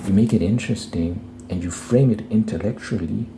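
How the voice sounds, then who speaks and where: A man's voice: lowish voice, brisk. A man giving casual, opinionated relationship advice in a rambling monologue, repeating phrases for emphasis. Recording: clear background noise.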